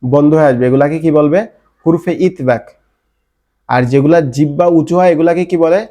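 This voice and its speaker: A man's voice: fairly high pitch, fairly quick, mellow. A man from Bangladesh teaching an online Quran recitation class in Bengali-accented speech, drilling letter sounds and answering his own questions.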